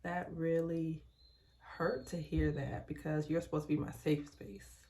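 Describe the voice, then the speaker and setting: A young woman vlogger chatting candidly in a hushed, halting, reflective way while doing her skincare in a bathroom at home. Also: sits low, fairly even intonation. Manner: hushed, so as not to be overheard. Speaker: lifestyle vlogger.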